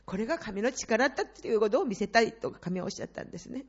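A middle-aged woman preaches a fervent sermon to her congregation in a high voice. She sinks to near-whispers and then surges back up loud. The recording is a little muffled and lo-fi. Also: expressive, fast, breathy edge. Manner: impassioned, swings between hushed and loud. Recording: slightly dull lo-fi sound.

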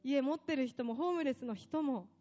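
A woman's voice: sits high, fairly quick, dark tone, dull audio. Impassioned woman preaching a sermon. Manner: impassioned, rising to emphatic lists.

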